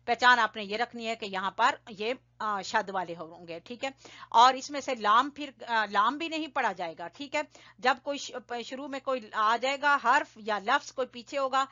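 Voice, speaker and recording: A woman teaching Quran recitation, patiently explaining step by step, checking understanding and slowly chanting examples. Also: fairly high pitch, bright, forceful tone. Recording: dull lo-fi audio.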